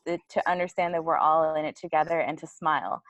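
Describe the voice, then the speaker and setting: A woman's voice: low voice, steady tone, fast talker, no room sound. A woman guest speaking earnestly and reflectively in a casual interview, with frequent fillers. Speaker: podcast co-founder guest.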